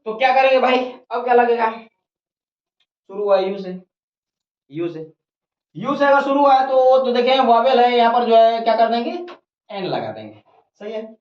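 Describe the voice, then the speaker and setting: Lively-pitched tutor teaching grammar step by step, in an echoey room on dull, lo-fi audio. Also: measured pace, long pauses. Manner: repeats each point, asks questions and answers them. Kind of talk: whiteboard grammar lesson. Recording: roomy, dull lo-fi recording.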